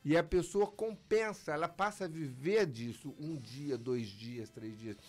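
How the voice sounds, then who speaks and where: A man's voice: fairly high pitch, a little slow, soft background music. A man, a physician guest explaining medical matters in an interview, emphatic and acting out patients' words. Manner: lively, emphatic, acts out patients' lines.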